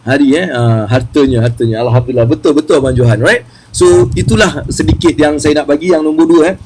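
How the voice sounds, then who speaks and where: A man giving a motivational seminar talk about wealth, chatty and lively, repeating phrases for emphasis. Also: fairly high pitch, brisk, breathy edge, low-quality recording.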